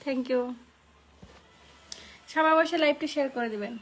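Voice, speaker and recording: A woman's voice: high-pitched, moderate pace, soft background music. A young woman with a Noakhali Bengali accent, hosting a casual live stream and chatting through viewers' comments, thanking people by name. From Noakhali, Bangladesh.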